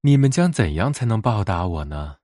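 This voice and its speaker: A man's voice: lowish voice, sing-song, moderate pace, warm tone, dry recording, clean studio sound. A man voicing a boastful, self-important peach tree in a storybook, lecturing pompously about the gratitude it is owed. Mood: boastful, demanding. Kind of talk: storybook character voice in narration.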